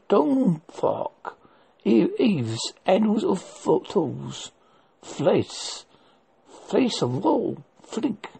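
Casting: husky, creaky speaker with a broad old West Country Devon accent, folksy, unhurried, halting word-list delivery. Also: medium pitch, warm tone. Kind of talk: casual vlog, reading out a dialect word list with meanings.

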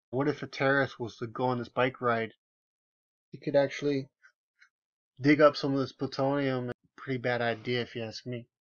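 A video commentator, a man with an ordinary middle-pitched voice, talks casually over screenshots, sounding incredulous and sarcastic as he punches his asides with emphasis. The recording is slightly dull and lo-fi.

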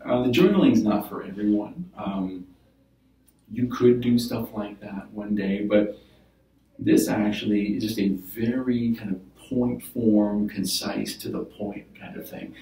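Male therapist in a role-play demo, patient explainer, warm low tone, roomy room mic from afar. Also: steady tone, unhurried. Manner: explaining gently with many "right?" and "like" fillers. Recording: roomy, from a distance.

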